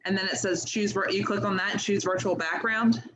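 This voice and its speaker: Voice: medium pitch, steady tone, brisk, over a noisy crowd, low-quality recording. Giggly voice on a busy video call. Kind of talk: casual video-call chat.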